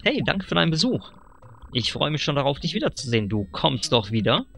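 Guy doing a sly fox salesman, high gravelly voice, laying the flattery on thick, bounces all over. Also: brisk, heavily acted. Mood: wheedling. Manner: smooth salesman patter, flattering. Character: sly pushy fox furniture dealer, male.

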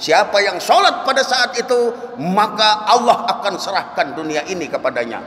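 A man preaching a dawn lecture in a mosque, telling stories with lively swings and chanting verses. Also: high-pitched, normal speed. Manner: animated storytelling with chanted Quran verses. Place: mosque hall. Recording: echoey hall, faint room noise.

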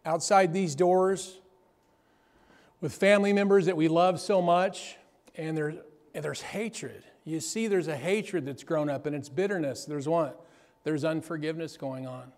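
A man's voice: a little high, measured pace, darkish tone. A man preaching a sermon to his church, often asking the crowd "amen?" and "right?". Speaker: pastor. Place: church hall. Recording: long hall reverb.

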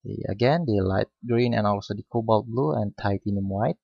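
A man giving a step-by-step painting lesson, speaking unhurriedly with many pauses and fillers. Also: lowish voice, vocal fry, darkish tone, breathy edge, no echo. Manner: unhurried, hesitant with frequent fillers. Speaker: painting instructor. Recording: dull lo-fi recording.

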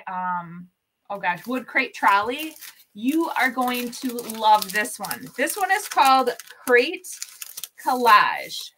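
A woman's voice: a little high, fairly bright tone, poor audio. A woman hosting a casual craft livestream, bubbly and chatty, greeting viewers by name with lots of ums. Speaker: craft shop livestream host. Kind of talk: casual live-stream chat.

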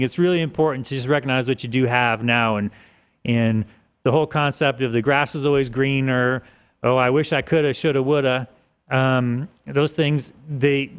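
A man's voice: medium pitch, clear, resonant tone. Forties guy rambling on a podcast, office studio, desk mic. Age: 40s. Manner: casual, rambling with restarts. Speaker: guest. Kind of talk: podcast interview. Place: office studio with large windows. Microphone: boom mic on desk.

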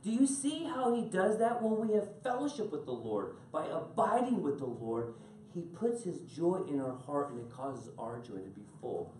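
Lively pastor preaching in an echoey church. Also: male voice, a little high, moderate pace, slight background noise. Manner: animated, laughing storyteller addressing congregation by name. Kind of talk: sermon. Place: church sanctuary. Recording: echoey room from far off.

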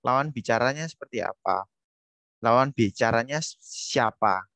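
A man's voice: medium pitch, fairly bright tone, no room sound. A man with a mid-range voice speaks on an academic panel. He stresses his points and asks rhetorical questions. The recording is dry with no room sound. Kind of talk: casual academic discussion.

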